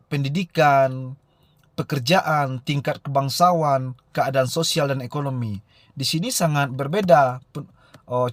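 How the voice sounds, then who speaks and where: A man with a somewhat high voice teaches a recorded lesson. He talks steadily but often hesitates with "eh" and checks in with a quick "ya". The sound is dry and close. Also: no room sound. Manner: frequent "eh" fillers and tag "ya".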